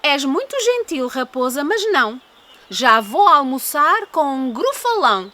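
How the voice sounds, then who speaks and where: Woman doing a cheeky high-pitched little storybook mouse. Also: big pitch swings, measured pace, bright, forceful tone, exaggerated voice. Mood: cheeky, boastful. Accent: European Portuguese. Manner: polite, teasing, dramatic. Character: small brave cunning male mouse, boastful and cheeky. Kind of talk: storybook character voice.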